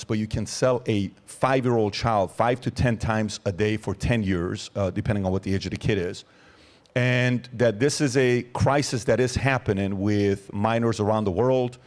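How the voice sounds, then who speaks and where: A man's voice: fairly low pitch, darkish tone. A man in his forties hosting a podcast, building long questions with many fillers before he asks. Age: 40s. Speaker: podcast host. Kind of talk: interview questions.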